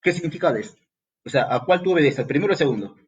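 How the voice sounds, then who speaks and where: The voice is a little high and very fast, the audio dull: a Peruvian man teaching grammar for entrance exams. He keeps things lively, speaks right to the student, and at times acts out what the student would ask.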